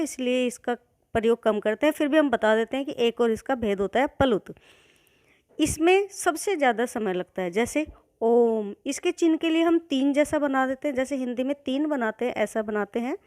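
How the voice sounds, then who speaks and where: A woman's voice: high voice, moderate pace, darkish tone, dry recording, studio quality. A woman teaching an exam-prep grammar lesson, methodically spelling out sounds one by one.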